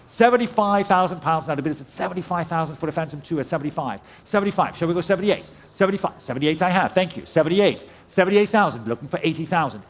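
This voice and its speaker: A man working as an auctioneer, speaking formally and courteously as he calls a live sale with rhythmic, repeated figures. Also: high-pitched.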